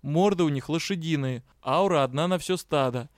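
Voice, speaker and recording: A man doing a sardonic dark-elf watch officer. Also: on the high side, moderate pace, no echo, studio quality, lightly acted. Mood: grumbling.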